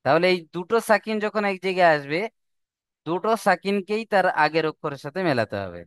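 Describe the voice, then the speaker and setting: A man's voice: high-pitched, expressive, brisk, fairly bright tone, clear, resonant tone, no echo, clean studio sound. A man teaching Quran reading rules step by step, stretching out the example words in a sung recitation. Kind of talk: slow step-by-step lesson.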